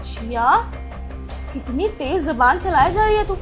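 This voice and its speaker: A woman acting as a young mother of a seven-year-old girl, scolding loudly at times and speaking gently at others, in a family drama skit. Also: high-pitched, expressive, measured pace, soft background music.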